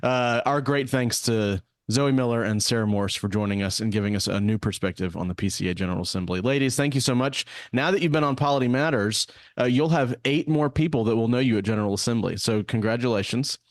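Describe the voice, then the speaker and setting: A man's voice: mid-range voice, brisk, few pauses, no echo, clean studio sound. A man hosting a casual podcast chat, friendly and often restarting his words. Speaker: podcast host.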